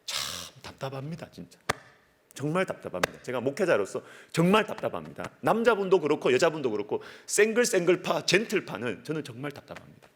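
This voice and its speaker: A man preaching a sermon as a pastor, emphatic and repeating words for stress, swinging between loud and hushed. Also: on the high side, very animated, fast talker, in a large hall, slight background noise.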